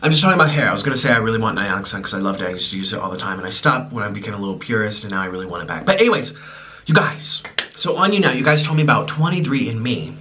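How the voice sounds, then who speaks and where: A man in his twenties, Ukrainian-born and raised in the US, rambles and chats while eating on camera at home for his mukbang. His lowish voice races along, animated, pushed and bright. The mic sits slightly distant, with faint room noise behind him.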